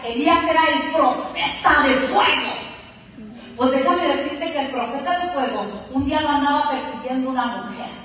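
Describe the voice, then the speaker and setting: High bright woman preaching in an echoey hall. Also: moderate pace, a little hiss or hum. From Colombia. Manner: animated preaching that swings from soft asides to shouted lines; acts out quoted voices in dialogue. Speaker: conference speaker preaching. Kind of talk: Pentecostal sermon. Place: large church auditorium. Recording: echoey church hall, voice from far off.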